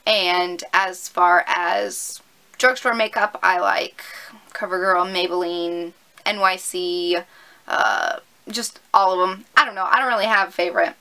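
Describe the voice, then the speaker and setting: A woman's voice: lowish voice, steady tone, unhurried, sharp tone, low-quality recording. A woman of twenty-one, chatty and upbeat, answering viewer questions in a casual vlog filmed at home on a camera mic. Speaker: YouTuber.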